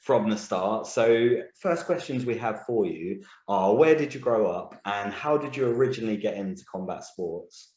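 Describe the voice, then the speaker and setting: An upbeat man hosts a podcast interview and introduces each segment. His voice sits a little low, and the recording carries a clear roomy echo. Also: lively intonation, normal speed, hardly any pauses, darkish tone, lo-fi sound. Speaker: podcast host. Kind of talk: interview hosting. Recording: echoey room.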